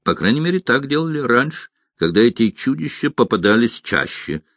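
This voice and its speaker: A man's voice: medium pitch, very animated, brisk, a bit bright, no room sound, clean studio sound. A man voicing a fussy, nervous male innkeeper.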